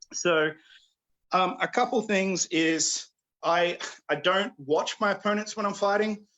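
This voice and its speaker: Rambling, slightly high-voiced man teaching. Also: a bit bright. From Australia or New Zealand. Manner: rambling, many "like" fillers, frequent throat clearing. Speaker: combat instructor. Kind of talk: casual virtual class talk. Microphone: video call.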